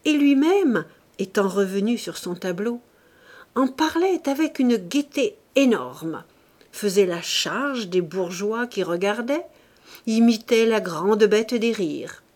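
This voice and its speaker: A woman narrating a classic novel as an audiobook reader, in a measured, expressive reading. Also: medium pitch. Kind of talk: scripted narration.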